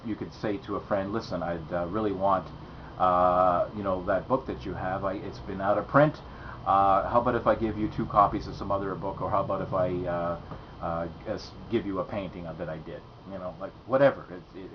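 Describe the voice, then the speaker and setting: A man hosting a philosophical monologue, talking in a hesitant way with many fillers and restarts, leaning hard on key words. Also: on the low side. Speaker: host. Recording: dull lo-fi sound with faint noise.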